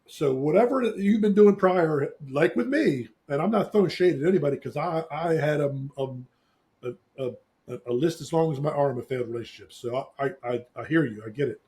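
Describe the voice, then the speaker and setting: A man's voice: fairly high pitch, lively intonation, a little fast, a little mellow. A middle-aged man co-hosting a casual talk show, earnestly giving life advice, often restarting his sentences. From Eastern Shore, US. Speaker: podcast co-host. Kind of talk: casual chat.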